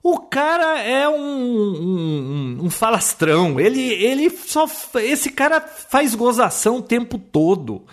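Animated Brazilian man, lively pitch. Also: slow, few pauses. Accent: Brazilian Portuguese. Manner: animated, opinionated storytelling with many restarts. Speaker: podcast co-host. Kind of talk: casual chat.

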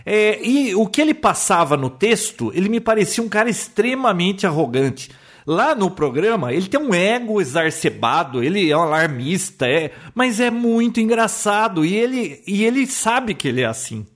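A man's voice: sits high, big pitch swings, normal speed, a bit bright. A Brazilian man co-hosting a casual podcast chat, telling opinionated stories with many restarts. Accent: Brazilian Portuguese. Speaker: podcast co-host.

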